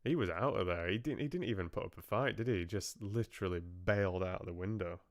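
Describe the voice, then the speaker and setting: A deep-voiced man talks fast, recorded in clean studio sound with no room echo. Hosting a live book club, he chats casually and jokingly, rambling as he muses on fairy tales with the live chat.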